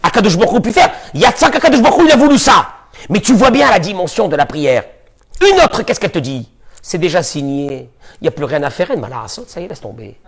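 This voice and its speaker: A man who is a rabbi, giving a lively sermon, with sudden shouts and low asides. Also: fast, slightly rough. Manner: animated, shifts between shouting and muttering.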